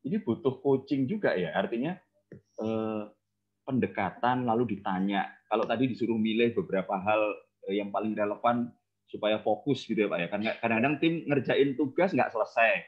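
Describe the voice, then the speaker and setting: A man's voice: fairly low pitch, brisk. Man, webinar moderator, chatty, agreement-seeking, video call, lo-fi muffled recording. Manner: chatty, keeps seeking agreement with tag questions. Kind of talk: online talk-show moderating. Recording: muffled lo-fi audio.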